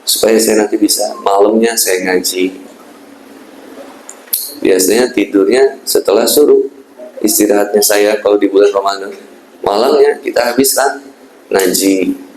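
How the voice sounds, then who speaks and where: A man's voice: fairly low pitch, a little slow, long pauses, darkish tone, slight background noise. A man preaching a casual, conversational sermon, asking rhetorical questions and acting out pleading prayers. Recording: echoey room with faint ambience.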